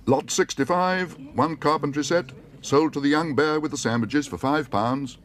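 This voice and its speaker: A man voicing a brisk male auctioneer who calls out the bids, in a storybook reading. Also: on the high side, pitched above the performer's own voice, close to an everyday voice. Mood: calling. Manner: calling out, projecting.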